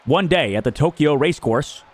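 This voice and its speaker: A man streaming live, reacting out loud and swearing freely as he thinks aloud. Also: a little high, expressive, moderate pace. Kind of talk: casual live-stream commentary.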